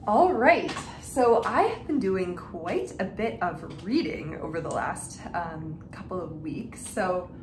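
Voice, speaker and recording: A woman hosts a knitting and reading podcast, chatting casually to her viewers in a lowish, expressive voice. She speaks slowly but barely pauses, often saying "like" and cutting herself off. The room sounds echoey, with faint background noise.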